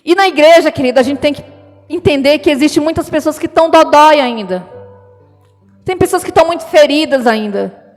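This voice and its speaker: High-voiced woman pastor preaching. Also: expressive, a little fast. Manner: addresses congregation as "queridos". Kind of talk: sermon. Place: church. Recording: long hall reverb with music.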